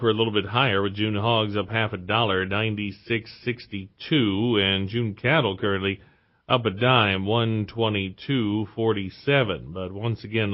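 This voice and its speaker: An American man reading stock prices as a radio market reporter, reciting figures in a clipped manner. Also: on the low side. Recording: slightly muffled radio broadcast.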